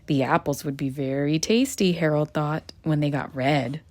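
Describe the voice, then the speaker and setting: A woman reading a children's picture book aloud in a gentle, expressive storytelling manner. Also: sits low, normal speed. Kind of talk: children's read-aloud narration.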